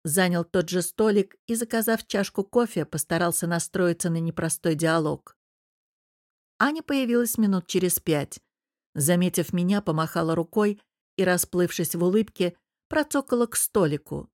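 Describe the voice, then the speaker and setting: A woman narrating a first-person novel as an audiobook in an even, measured way. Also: fairly low pitch, no room sound, studio quality.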